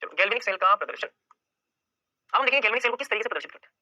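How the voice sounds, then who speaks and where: A man's voice: high-pitched, expressive, very fast, pushed and bright, no room sound, lo-fi sound. A male chemistry teacher giving an exam-prep lecture, firing off questions and answering them himself and repeating key points over and over.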